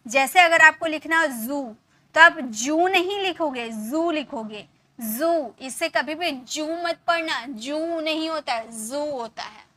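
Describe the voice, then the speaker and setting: A woman from India giving an online lesson as an English teacher, patiently explaining and often checking that the point is clear. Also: sits high, sharp tone. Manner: patient, repeats points with frequent check-ins.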